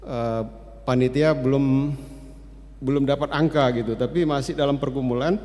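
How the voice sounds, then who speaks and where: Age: about 60. Sex: man. Role: church announcer. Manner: chatty, hesitant, with frequent fillers. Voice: fairly high for a man. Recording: long church-hall reverb. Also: a little mellow.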